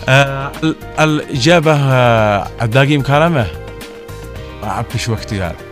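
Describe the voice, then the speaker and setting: A man with a Yemeni accent hosting a live radio quiz show in a hesitant, halting way. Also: medium pitch, fairly bright tone. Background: music.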